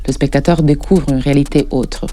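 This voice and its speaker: A man giving scripted, measured narration about a photograph for an art documentary. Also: on the high side, fairly even intonation, warm tone. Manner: measured, descriptive art commentary.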